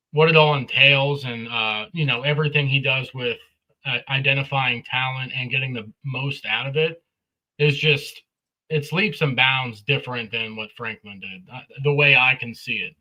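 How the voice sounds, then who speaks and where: A man co-hosting a sports podcast, eager and opinionated in casual chat. His voice has a very bright, forceful edge at a middle pitch. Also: unhurried, lo-fi sound. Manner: enthusiastic, opinionated. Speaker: podcast co-host.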